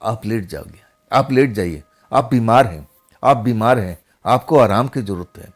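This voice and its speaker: A man voicing a soft-spoken ghost woman. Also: lowish voice, lively intonation, moderate pace, soft background music. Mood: soothing. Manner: soft, coaxing, repeats herself. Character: gentle ghostly young woman, caring like a wife.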